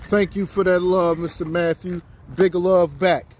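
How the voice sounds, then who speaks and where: A man's voice: high-pitched, flat delivery, measured pace, a little mellow. Fifty-year-old man chatting on a livestream. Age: 50s. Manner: chatty, talks straight to viewers. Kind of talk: casual live-stream chat. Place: outdoors on a city street. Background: faint street and traffic noise.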